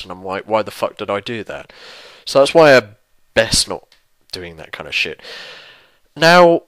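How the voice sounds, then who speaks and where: A man's voice: lowish voice, bright, forceful tone, clean tone, dry recording, poor audio. A young man hosting a let's play channel, answering viewer questions in a casual, rambling and self-deprecating way, swearing freely and restarting his sentences.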